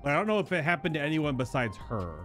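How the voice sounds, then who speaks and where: Over video game music, a man with a fairly high, bright, sing-song voice talks fast while streaming a game. He chats and thinks out loud, giving live commentary on the story.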